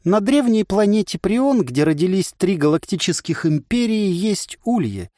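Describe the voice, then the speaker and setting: A man puts on a bright, unhinged male voice that lives inside someone's head. It chatters cheerfully and reads adverts with relish, pitched a little higher than an ordinary speaking voice. The audiobook recording is dry and close. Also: very animated, normal speed, no echo. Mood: reciting ad. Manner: chirpy, recites adverts with glee.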